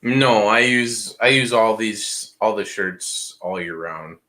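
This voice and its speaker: Male co-host, low-pitched but bright voice, easygoing livestream chat. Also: slow. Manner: relaxed, conversational, frequent "you know". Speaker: co-host of a fishing show. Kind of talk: casual gear chat on a livestream.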